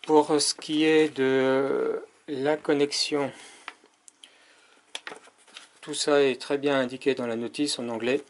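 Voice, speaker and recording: A man's voice: medium pitch, little pitch movement, unhurried, a little hiss or hum. A man giving a casual hands-on product demonstration as a tech reviewer, explaining step by step with frequent hesitations.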